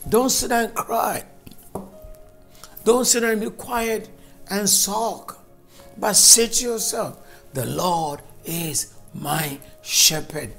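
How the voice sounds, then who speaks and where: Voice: medium pitch, slow, vocal fry, pauses often, a bit bright, soft background music. A preacher giving a fervent, emphatic sermon and spoken prayer, repeating phrases for stress.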